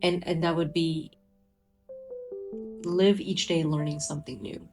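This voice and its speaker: A woman's voice: sits low, fairly even intonation, measured pace, music in the background. A woman speaking earnestly and reflectively as an interview guest, often repeating her phrases. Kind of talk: reflective casual interview talk.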